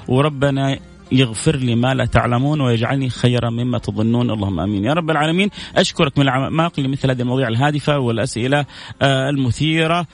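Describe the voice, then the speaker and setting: On a studio microphone in a radio studio, a creaky-voiced man of medium pitch hosts a call-in show. He reads messages sent in by listeners and responds warmly with devout blessings and prayers.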